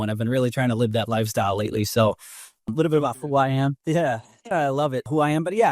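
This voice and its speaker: Originally from Brockton, Massachusetts, this real estate investor in his forties tells casual personal stories as a podcast guest, a slight Boston accent coloring his speech. His medium-pitched voice has a darkish tone, captured in a dry, studio-quality recording.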